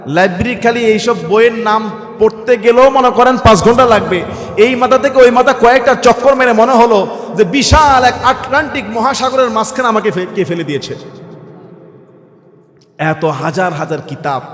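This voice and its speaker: High-voiced Bangladeshi preacher in an echoing hall. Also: male voice. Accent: Bangladeshi Bengali. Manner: rhetorical questions to the crowd, swinging from soft to shouted. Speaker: Islamic preacher. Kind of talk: waz sermon with Quran recitation. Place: religious gathering (waz mahfil). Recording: roomy hall with long reverb.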